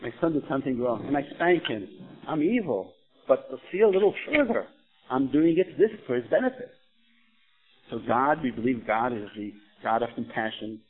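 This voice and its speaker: A man's voice: mid-range voice, very animated, normal speed. A man earnestly explaining religious views in discussion, telling stories and asking questions, heard as tinny phone-like sound. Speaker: religious speaker. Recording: tinny phone-like line with faint noise.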